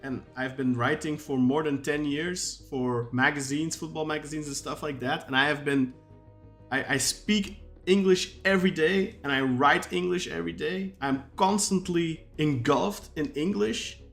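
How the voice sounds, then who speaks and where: A man's voice: a little high, moderate pace, fairly bright tone, faint music behind. Belgian man chatting on a podcast. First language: Dutch. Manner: rambling, self-correcting, repeats words. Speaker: podcast co-host and football writer. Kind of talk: casual podcast chat.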